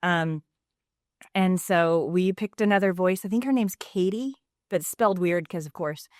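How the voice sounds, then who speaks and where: Woman, forties, podcast guest; smooth, lowish voice, bone-dry sound, lively chatter. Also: no room sound. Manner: chatty, laughs often, quick asides. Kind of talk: casual podcast conversation.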